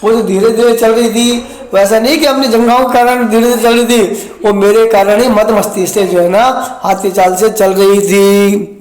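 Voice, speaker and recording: High-voiced man teaching Sanskrit verse. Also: steady tone, moderate pace, darkish tone, echoey room. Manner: explains verses line by line, mixing Sanskrit recitation with Hindi. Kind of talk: recorded classroom lecture.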